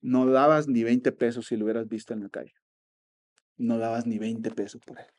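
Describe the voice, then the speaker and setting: A man with a Mexican accent preaching a sermon as pastor, swinging between soft asides and loud exhortation. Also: mid-range voice, fairly even intonation, normal speed.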